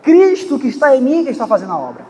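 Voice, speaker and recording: A man's voice: extremely high pitch, wildly swooping pitch, racing, darkish tone, in a large hall, a little hiss or hum. A man preaching a sermon in a church, impassioned, with dramatic swings in pace and emphasis.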